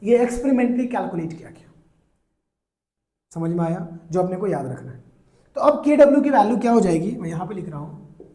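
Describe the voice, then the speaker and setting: A man teaching chemistry in a classroom lecture, asking students questions and answering them himself, calling them "beta," and drawing out English terms slowly. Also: high voice, expressive, mellow, reverberant. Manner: mixes English terms into his talk, drawn out slowly.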